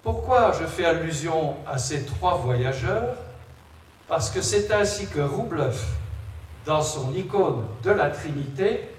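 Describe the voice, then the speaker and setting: Man, priest lecturing, unhurried, explanatory with asides, roomy echo like a big empty hall. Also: on the high side, lively intonation. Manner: explanatory, conversational asides to listeners. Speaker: priest giving a Lenten lecture. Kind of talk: religious lecture to an audience. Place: large reverberant indoor space. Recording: echoey hall, distant mic, background noise.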